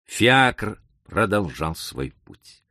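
A man's voice: fairly low pitch, big pitch swings, very slow, pushed and bright, no echo, studio quality. A man narrating a story in a dramatic, theatrical reading style. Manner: theatrical, widely varied delivery. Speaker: audiobook narrator.

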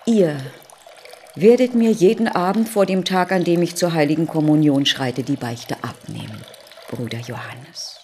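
A woman's voice: low-pitched, a little slow, darkish tone, a little hiss or hum. A woman playing a scheming, self-assured noble Roman lady in a radio play. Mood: coaxing.

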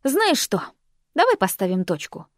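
A woman voicing a tense young woman lashing out at her ex, sharp and indignant, her voice rising. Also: mid-range voice, huge pitch swings, moderate pace, dry recording, studio quality. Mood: furious.

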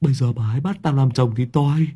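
Man voicing a scared student guy in an audiobook, shrill and stammering, husky edge. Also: brisk, mellow, lightly acted. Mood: terrified. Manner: stammering, wailing in a shrill strained voice. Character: panicky young male student, terrified and whiny.

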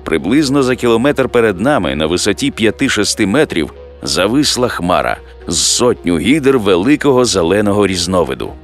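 A man reading a science fiction audiobook aloud, expressive and lifting his voice for the dialogue. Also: on the low side, moderate pace, soft background music. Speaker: audiobook narrator. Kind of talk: scripted audiobook narration.

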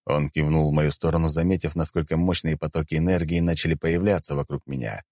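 A man narrating a first-person fantasy audiobook in a calm, wry tone. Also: a bass voice, quick pace, no echo, clean studio sound.

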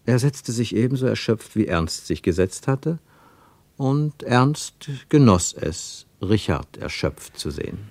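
A man narrating a radio drama expressively, with an animated storyteller's delivery. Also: lowish voice, slow, vocal fry, no room sound.

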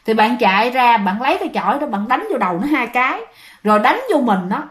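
A woman's voice: fairly high pitch, expressive, quick pace. A woman telling ghost stories in a chatty, dramatic way, often addressing her listeners. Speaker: ghost story narrator. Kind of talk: casual storytelling to listeners.

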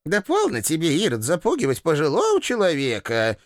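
A man reading an audiobook, voicing a cantankerous old village landlady who scolds and threatens in a shrill, creaky old-woman voice. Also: huge pitch swings, fairly quick, no room sound, studio quality. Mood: scolding.

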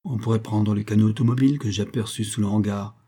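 A man voicing a bandit henchman who offers a quick, eager suggestion. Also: on the low side, steady tone, mellow, breathy edge.

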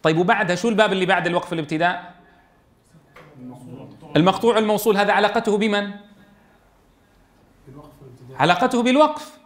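A man teaching a class on Quran recitation rules. He quizzes his students and chants verses slowly for them to repeat. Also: high-pitched.

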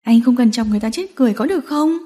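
A woman voicing a hysterical, spiteful young woman in an audiobook drama, shrill and mocking. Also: animated, very fast, dark tone, lightly acted.

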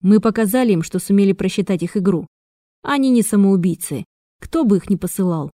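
A woman voicing a calm, self-assured male agent who explains things with conviction. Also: medium pitch, fairly quick, no room sound, studio quality, close to an everyday voice. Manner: confident, explanatory.

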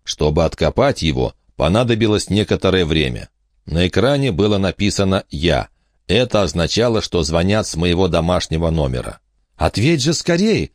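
Deep-voiced male audiobook narrator. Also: animated, no echo, studio quality. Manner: measured storytelling. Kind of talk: first-person scripted narration.

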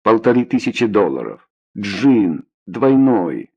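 A man's voice: fairly low pitch, big pitch swings, slow, vocal fry, mellow, breathy edge, dull audio, full character voice. A man voicing a rude, greedy young male pool hustler in an audiobook, curt and sarcastic.

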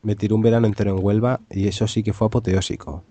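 Man from Ciudad Real, comic storyteller, deadpan crude jokes, mellow dark tone, dry close sound. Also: lowish voice, fast talker, dry recording. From Ciudad Real, Spain.

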